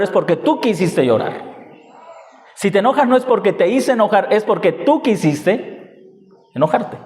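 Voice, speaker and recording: A man preaching as pastor from the front of a church, his voice a little high for a man. He keeps putting rhetorical questions to the congregation and acting out what parents say. The sound rings around a big echoing hall. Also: darkish tone. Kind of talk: sermon.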